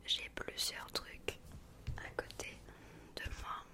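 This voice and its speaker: A woman hosting an ASMR video, whispering breathily right up close in the ear, chatting casually and intimately to one listener. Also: slow. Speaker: ASMR video creator and host.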